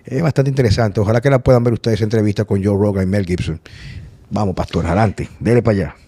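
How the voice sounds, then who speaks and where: A man's voice: on the low side, fast, dark tone, slightly rough, dry recording. A man hosting a podcast, talking in a rambling conversational way with many restarts. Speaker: podcast host. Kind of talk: casual conversation.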